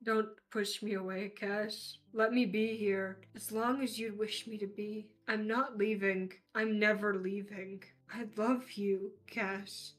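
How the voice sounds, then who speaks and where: A gentle young man gives earnest, soothing promises, as a woman plays him. He sounds devoted and close to tears. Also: medium pitch, steady tone, slow, hardly any pauses, close to an everyday voice.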